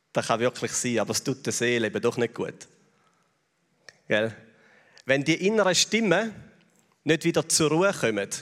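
A man's voice: medium pitch, a bit bright. A man with a Swiss German accent preaching a sermon in a chatty way, often tossing in little tag questions to the congregation. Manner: conversational, with frequent tag questions. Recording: long reverb of a large hall.

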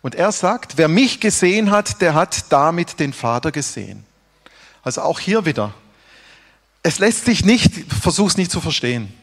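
A man preaching a sermon earnestly, rising for emphasis and dropping to hushed, dramatic lines. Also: on the high side, big pitch swings, moderate pace, in a large hall. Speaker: pastor.

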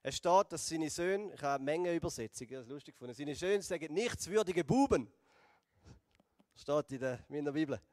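Swiss German pastor preaching in a hall. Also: male voice, a little high, studio quality. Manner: lively storytelling, slowing and dropping softer for emphasis. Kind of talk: sermon retelling a Bible story.

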